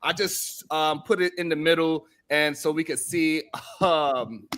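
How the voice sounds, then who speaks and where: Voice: medium pitch, unhurried, a bit bright, a little hiss or hum. A host giving casual live commentary, thinking aloud in a hesitant way.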